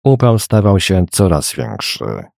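A man's voice: low-pitched, huge pitch swings, measured pace, vocal fry, a little mellow, no echo, studio quality. A man narrating an adventure novel as an audiobook, reading expressively. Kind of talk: scripted narration.

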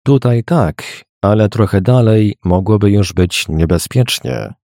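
A man reading a brisk, teasing young woman. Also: lowish voice, creaky, warm tone, no echo, clean studio sound. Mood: guarded. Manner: brisk, cheerful, a little evasive. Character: young woman driving a carriage, teasing and guarded.

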